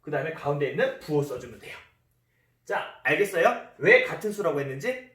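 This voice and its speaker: A man's voice: on the high side, big pitch swings, a little fast, a bit bright. A man teaching a math lesson in a classroom, repeating key terms and asking the class questions. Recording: roomy echo, voice from a distance.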